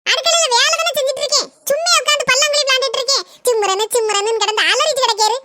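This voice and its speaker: A woman's voice: very high-pitched, quick pace, pushed and bright, no room sound, studio quality. Woman voicing a sarcastic nagging village wife. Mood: retorting. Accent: southern Tamil Nadu village dialect. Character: sharp-tongued village wife, middle-aged woman. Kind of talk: cartoon voice acting.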